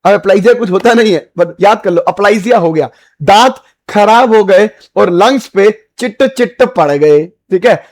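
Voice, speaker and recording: A man teaching biology for exam prep in speech, repeating key points, checking that students follow, and using playful memory tricks. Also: high-pitched. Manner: repetitive, checks understanding, playful mnemonics.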